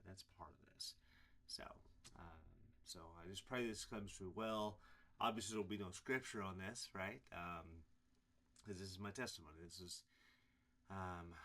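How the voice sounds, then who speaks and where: A man's voice: sits low, fairly bright tone. A man in his forties from Illinois, a preacher telling his life story in a casual, rambling way with many fillers. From Illinois, USA. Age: 40s. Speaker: preacher giving his testimony. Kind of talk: casual personal testimony to camera.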